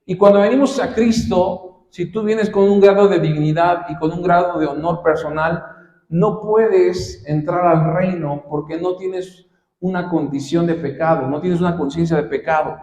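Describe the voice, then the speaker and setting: A man with a Mexican Spanish accent preaching a sermon as a pastor, talking conversationally and slowing down to read scripture. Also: high-pitched, darkish tone. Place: church hall. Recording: echoey church hall, roomy reverb.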